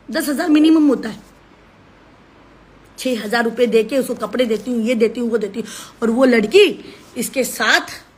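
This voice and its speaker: Woman live-streamer, accusatory rant, slightly high voice. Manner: scolding, accusatory, insistent.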